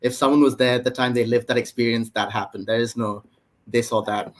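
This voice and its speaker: A man hosting an interview, commenting and asking questions in an earnest, unhurried way. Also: mid-range voice, steady tone. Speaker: podcast host, interviewer.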